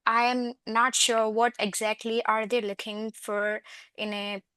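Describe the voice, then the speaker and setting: A woman's voice: a little high, level tone, unhurried, sharp tone, clear, resonant tone, dry recording. A young woman from the United States, a job seeker, asking a question hesitantly over a video call. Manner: hesitant, with many "uh"s. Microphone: video call mic.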